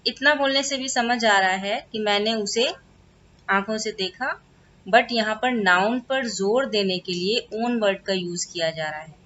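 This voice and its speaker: A woman teaching a grammar lesson with an Indian English accent. She reads the English slowly and word by word, then explains more quickly in Hindi. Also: medium pitch, a bit bright, highs cut off, slight background noise.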